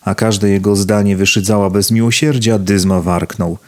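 A man narrating a novel as an audiobook in a measured, even delivery. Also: on the low side. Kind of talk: scripted narration.

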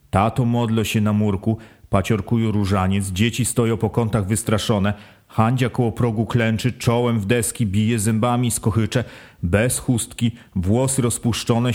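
A man with a somewhat low voice reads a first-person audiobook story. His telling is earthy and rustic, in the manner of a plain village narrator. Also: darkish tone. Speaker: audiobook reader.

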